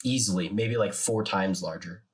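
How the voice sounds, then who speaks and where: A man's voice: low voice, moderate pace. A man narrating casually as game master, improvising with some hesitation as he goes.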